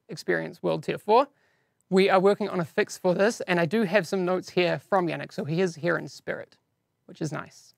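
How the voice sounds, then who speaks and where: A man with a heavily gravelly, fry-laden voice and an accent hosts a live game-news stream. He talks casually to chat in a dry, close-sounding room, slipping in self-deprecating asides between updates. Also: a little high, no echo. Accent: non-standard English accent, teased by viewers.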